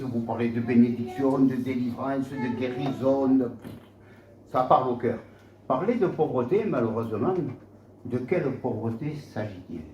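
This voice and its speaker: A man with a French accent preaching a sermon in a church, animated, with rhetorical questions and swings from soft asides to raised emphasis. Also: medium pitch, slight background noise. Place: church hall. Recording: roomy church hall, dull lo-fi sound.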